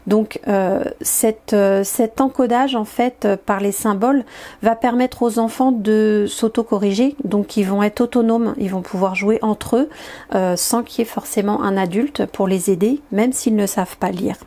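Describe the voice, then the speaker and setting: A woman walks through an educational card game step by step, pausing often on fillers as she explains. Her voice is soft and mellow, sitting at an ordinary mid pitch. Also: steady tone. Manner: hesitant, explanatory, many filler pauses. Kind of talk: hands-on game demonstration.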